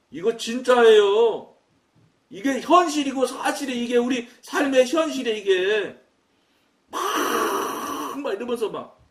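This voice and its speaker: A man preaching a sermon, telling a story in an animated, loud way and acting out his own quoted words. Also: extremely high pitch. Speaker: pastor. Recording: echoey room, mic at a distance.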